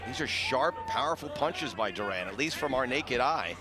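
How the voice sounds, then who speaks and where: A man's voice: mid-range voice, expressive, moderate pace, very noisy. A man calling a fight live as a play-by-play sports commentator. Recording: loud crowd and music behind. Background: roaring crowd, music.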